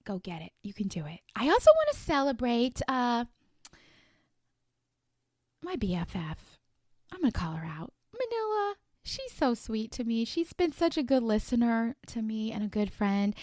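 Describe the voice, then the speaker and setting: A woman's voice: medium pitch, no room sound, clean studio sound. A woman in her thirties hosting a motivational podcast, upbeat and emphatic, repeating phrases to encourage her listeners. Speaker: podcast host.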